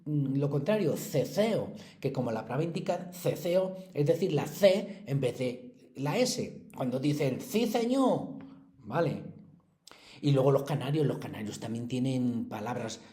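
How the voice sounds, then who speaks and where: Mellow-voiced Spanish teacher in an echoey room. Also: male voice, medium pitch, normal speed. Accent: central Spanish (Castilla-La Mancha). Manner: chatty, explanatory, checks in with frequent tags. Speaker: secondary school language teacher. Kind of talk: classroom review lesson.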